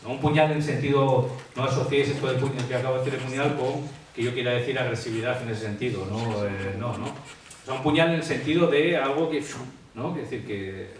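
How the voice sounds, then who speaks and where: Male expert, hesitant explainer, mid pitch, distant mic, roomy echo. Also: a little fast. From Asturias, Spain. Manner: hesitant, many fillers and tag questions. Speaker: graphologist. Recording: echoey room, off-mic, faint hiss.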